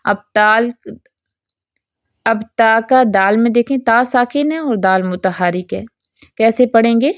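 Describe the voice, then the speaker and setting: A woman teaching a Quran recitation lesson in speech, explaining rules patiently and reciting examples slowly. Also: a little high, no room sound. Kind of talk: online tajweed lesson. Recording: dry, slightly dull lo-fi recording.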